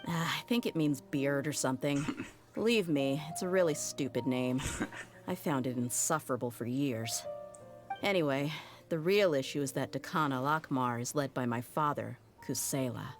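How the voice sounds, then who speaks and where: Against background music, a woman with a rumbling low voice voices a hardened young mercenary in a game cutscene. She speaks at a moderate pace, with a blunt, dry, matter-of-fact attitude.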